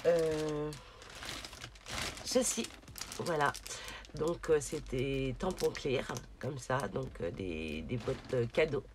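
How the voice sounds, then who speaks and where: A woman's voice: rumbling low, expressive, slow, pauses often. A woman showing her craft shopping haul in a casual video, often stopping with hesitations to search for words. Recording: noticeable background noise, crinkling. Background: rustling and crinkling of packaging.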